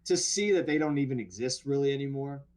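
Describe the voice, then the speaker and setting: A man's voice: mid-range voice, quick pace. A man who works as an actor, from the New Orleans area, telling stories in a casual podcast chat with frequent restarts. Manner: storytelling, animated, frequent restarts. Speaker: guest actor.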